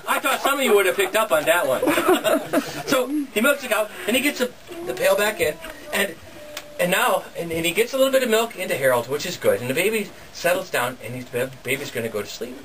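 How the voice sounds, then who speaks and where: A man's voice: high-pitched, animated, brisk. A man telling a folktale to a live audience in a bookstore, folksy and chuckling, with asides to his listeners. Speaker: storyteller. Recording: distant mic, faint room noise.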